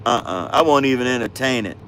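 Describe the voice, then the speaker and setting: Casual trucker host in his fifties, mid-pitched, easygoing slang, light outdoor traffic noise behind him. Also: expressive, quick pace, a bit bright. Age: 50s. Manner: laid-back slang-heavy talk, calls viewers bro and fam. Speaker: livestream host, truck driver. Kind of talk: casual livestream chat reading viewer comments.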